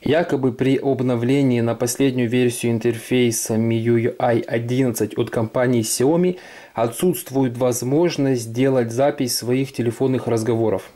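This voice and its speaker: A man's voice: mid-range voice, steady tone, unhurried, mellow. A man presenting an informal tech tutorial, explaining things step by step. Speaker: tech vlogger. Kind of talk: casual smartphone tutorial. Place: indoors at a desk, hands-on demo.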